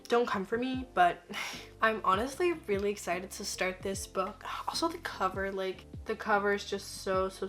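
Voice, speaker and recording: An 18-year-old Danish woman, a book vlogger whose first language is Danish, chats casually to camera in a medium-pitched, slightly bright voice. She gushes and fills her speech with "like."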